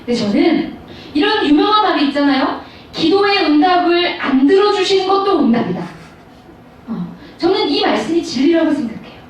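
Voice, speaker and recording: A woman pastor in her thirties giving a storytelling sermon to high school students, speaking directly to her listeners. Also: normal speed. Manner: storytelling, animated, addresses audience directly. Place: large school hall. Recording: echoey hall, mic far off, faint noise.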